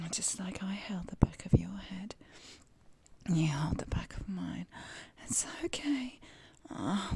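A woman whispering intimately in an audio roleplay, with soft moans between her lines. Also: medium pitch, creaky, slight background noise.

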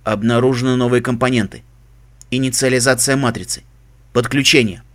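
A man voicing a metallic, emotionless helmet computer that gives clipped, flat system announcements and lists dictionary words in an audiobook reading. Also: mid-range voice, a little fast, close to an everyday voice. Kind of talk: audiobook reading of a fan story.

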